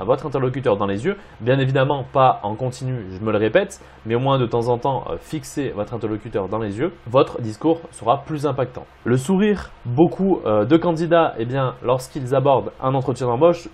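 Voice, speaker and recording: A man's voice: medium pitch, darkish tone. A man coaching job seekers, explaining tips with frequent fillers. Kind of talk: instructional video talk.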